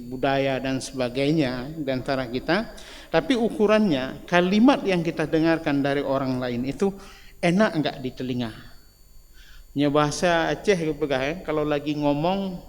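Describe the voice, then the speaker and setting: Guy giving a sermon, kinda high voice, chatty, long hall echo and faint hiss. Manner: conversational, often adding tag words between phrases. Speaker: preacher. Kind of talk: mosque sermon. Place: mosque hall.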